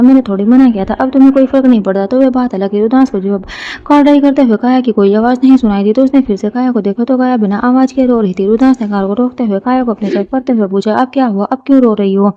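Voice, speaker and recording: A woman narrating a romantic audio story, reading briskly with frequent restarts. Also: on the high side. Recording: dull lo-fi recording.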